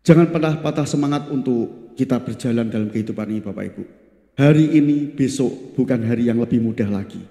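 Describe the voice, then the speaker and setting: A man's voice: mid-range voice, fast talker, warm tone. A pastor preaching in a chatty way to his congregation, asking them questions. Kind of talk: sermon. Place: church hall. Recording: echoey church hall with long reverb.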